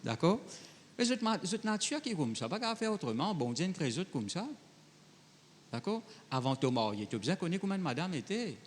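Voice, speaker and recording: A male pastor in a large hall reads Bible verses and then speaks directly to his congregation, preaching conversationally in French mixed with Creole phrasing. His voice sits high with big pitch swings, he talks fairly quickly, and there's a little hiss or hum.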